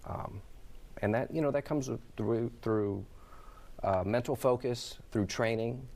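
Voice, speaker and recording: A man speaking as an expert guest in an interview, giving advice in a measured, halting way. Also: medium pitch, a little mellow. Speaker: motorcycle safety advocate guest. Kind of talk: interview commentary.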